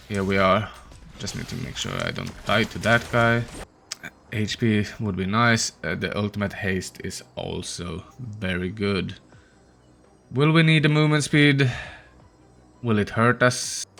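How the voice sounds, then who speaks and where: A man hosting a gaming channel, giving casual, tired, low-energy commentary as he thinks aloud while playing. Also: vocal fry, sharp tone. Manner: opens with a put-on peppy intro voice.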